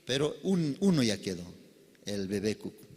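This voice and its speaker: A man preaching a sermon, telling a parable dramatically, with sudden loud outbursts and quiet drops. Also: on the low side, sing-song, moderate pace, slightly rough, in a large hall. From Bolivia. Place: church service.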